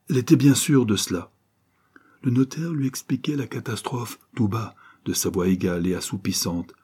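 A man reading a nineteenth-century novel aloud in a measured, dramatic way, lifting his voice for the quoted cries. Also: lowish voice, mellow, slightly rough. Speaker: audiobook reader. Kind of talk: scripted narration of a novel.

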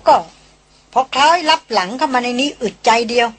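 Brief: an exasperated brother scolding his sister, played by a woman, raised husky voice. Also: fairly high pitch, animated, very fast. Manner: scolding, nearly shouting. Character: young man, brother, loud and scolding.

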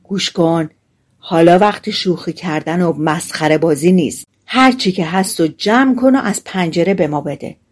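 A woman voicing a nervous grown male burglar who talks in an urgent, hushed way. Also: on the low side, lightly acted.

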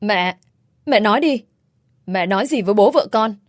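A woman reading the part of a tired but protective young husband who speaks in a low, measured way. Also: animated, no echo, clean studio sound, lightly acted. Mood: tense.

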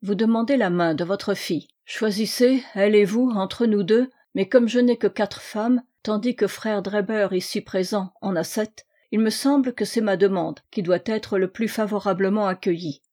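A man's voice: high voice, moderate pace, few pauses, warm tone, lightly acted. A woman reading a boastful young church elder who courts a farmer's daughter with smug pride. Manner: smug, pompous.

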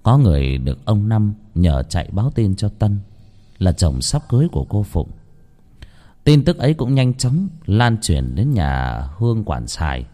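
A man narrating a ghost story in a dramatic, expressive manner. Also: on the low side, normal speed. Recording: faint background music.

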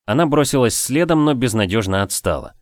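A man narrating a fantasy audiobook with steady, expressive storytelling. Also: medium pitch, fairly quick, no room sound, studio quality. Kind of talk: scripted narration.

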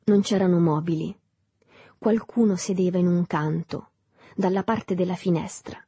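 A woman reading a literary novel aloud in a calm, measured way. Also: lowish voice, husky, dry recording. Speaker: audiobook reader. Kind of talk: literary audiobook narration.

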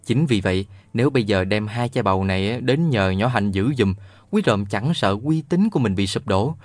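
Lively male storyteller reading a novel. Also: lowish voice, normal speed, dry recording. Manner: lively storytelling, voices all the characters. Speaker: audiobook narrator. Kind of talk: scripted narration of a children's novel.

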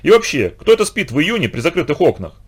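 A man's voice: a little high, sing-song, fast talker, husky, voice pushed up. A man voicing a cocky, mocking young male athlete. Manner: mocking, dismissive. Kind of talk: audiobook character voice.

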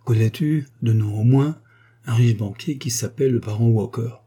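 A man voicing a shrewd lawyer on a secret errand, measured and businesslike. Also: mid-range voice, warm tone, slightly rough. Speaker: character in an audiobook.

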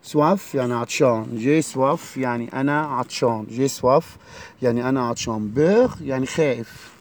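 An Egyptian-accented man teaches a French lesson to schoolchildren. He drills every verb form slowly and says it again and again. His pitch sits mid-range for a man. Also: a little hiss or hum. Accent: Egyptian Arabic. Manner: slow, repeated drilling of words. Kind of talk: classroom lesson.

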